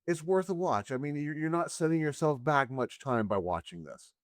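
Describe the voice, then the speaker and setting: A man's voice: on the high side, expressive, moderate pace, no echo, clean studio sound. A man in his forties co-hosting a casual movie review podcast, rambling and acting out lines from the films. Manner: rambling, quotes scenes in put-on voices. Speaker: podcast co-host.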